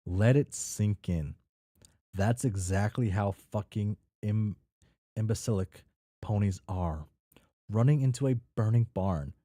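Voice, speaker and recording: The reader here has a lowish, dark-toned voice and takes things slowly while reacting to a piece of fan fiction. Between lines he throws in offhand commentary, fumbling and repeating words and swearing without restraint; there's no room sound at all.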